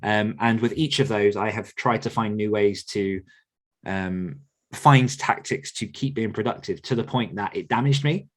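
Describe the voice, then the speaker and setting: A man with a fairly low voice speaks at a moderate pace, answering questions conversationally as an author coach. He comes across as reflective and earnest, often circling back to rephrase what he said.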